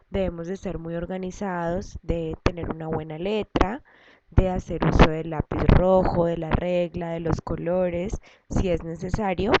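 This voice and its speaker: A woman teacher giving a recorded lesson, explaining step by step and repeating each point patiently. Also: on the low side. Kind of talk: recorded class lesson for students. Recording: dull lo-fi audio with loud background noise and clicks.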